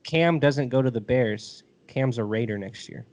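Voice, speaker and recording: A man's voice: normal speed, darkish tone. A man co-hosting a casual sports podcast who argues hotly and emphatically. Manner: emphatic, argues hotly, jumps up high when worked up. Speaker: podcast co-host.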